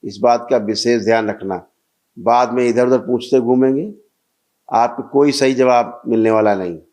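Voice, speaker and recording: A man leading a healing gathering, giving measured, commanding instructions to a congregation. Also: mid-range voice, steady tone, a little mellow. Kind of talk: guided ritual instructions to a congregation.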